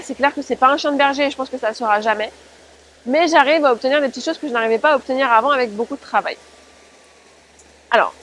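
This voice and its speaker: A woman's voice: sits high, fairly bright tone, a little hiss or hum. A woman giving an informal spoken tutorial as a dog-training presenter, explaining step by step and addressing listeners directly.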